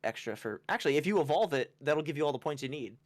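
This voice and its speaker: A man's voice: fairly high pitch, expressive, fast talker. A man streaming a game, chatting casually, rambling and yawny, making fun of himself. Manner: rambling, self-mocking, yawny. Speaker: gaming streamer. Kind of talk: casual chat over gameplay.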